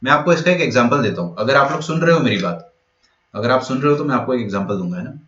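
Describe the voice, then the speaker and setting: A man's voice: mid-range voice, fast talker. A young man teaching maths for entrance exams, who keeps asking questions and then answering them himself, and who mixes English phrases into his Hindi. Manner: lively, asks and answers his own questions. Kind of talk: exam-prep lecture. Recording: echoey room, dull lo-fi sound.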